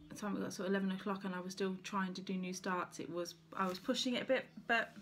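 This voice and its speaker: A woman's voice: medium pitch, fast talker, a bit bright, a little hiss or hum. A woman vlogger chatting casually about her crafts, rambling and correcting herself as she thinks aloud. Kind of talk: casual chat to camera about stitching.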